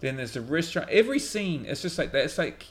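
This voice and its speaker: Sarcastic man with a slightly higher voice. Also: sing-song, quick pace. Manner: dry, sarcastic, laughing asides. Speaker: podcast co-host. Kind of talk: casual movie review chat.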